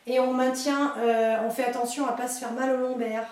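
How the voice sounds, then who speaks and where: A woman fitness instructor leading a gentle chair workout, counting reps, cueing the breathing and cheering people on. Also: sits high, level tone, normal speed. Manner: encouraging, light teasing. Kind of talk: guided chair exercise class. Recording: very echoey room, mic far off.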